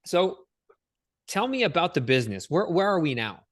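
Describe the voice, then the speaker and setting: A man hosting a podcast interview in casual, energetic chat, calling his guest "dude" and "man". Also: fairly high pitch, normal speed, dry recording, studio quality. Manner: energetic, slangy, says "dude" and "man" a lot. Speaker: podcast host.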